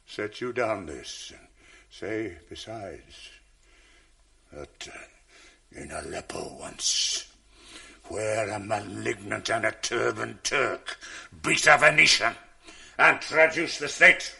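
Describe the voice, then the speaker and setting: An actor playing Othello, a proud general broken by grief, declaiming verse in a 1980s radio drama. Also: male voice, on the low side, slow, creaky, long pauses, slightly rough, heavily acted. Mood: anguished, declaiming. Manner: declamatory verse, swings from loud to whispered.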